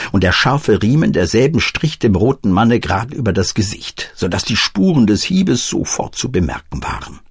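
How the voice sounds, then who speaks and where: A man narrates a classic adventure novel in a calm, measured storytelling manner. His voice sits low and carries a husky grain. The recording is dry and close, with no room sound. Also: no room sound. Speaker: audiobook narrator. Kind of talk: scripted narration.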